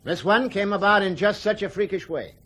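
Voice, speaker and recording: In a radio drama, an actor voices a defensive aircraft company spokesman who offers reassurance through careful, formal explanation. His high-pitched voice sounds pushed and bright, and his measured delivery relies on hedged emphasis.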